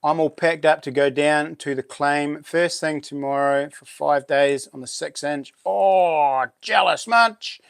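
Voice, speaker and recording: A man's voice: on the high side, a little slow, gravelly, few pauses, smooth, no echo, studio quality. A man with a broad New Zealand Kiwi accent hosting a casual live stream, chatting to viewers in laid-back, matey slang.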